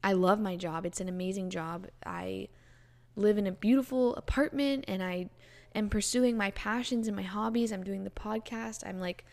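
A woman's voice: mid-range voice, steady tone, moderate pace, vocal fry, a little mellow. A woman in her twenties hosting a casual solo podcast, talking earnestly and rambling with lots of "like" and "you know". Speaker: podcast host.

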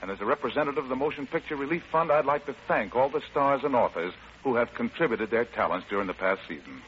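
Heard on a muffled, hissy old radio broadcast, an American man serves as radio show host and detective lead in 1940s style, his manner polished, theatrical and explanatory. He speaks fast in a mid-range, slightly bright voice with lively intonation.

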